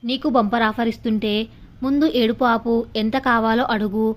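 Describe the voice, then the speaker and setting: A woman's voice: a little high, fairly even intonation, moderate pace, natural voice. A woman voicing an arrogant rich young woman who bullies and threatens a junior student, in a taunting, sneering manner.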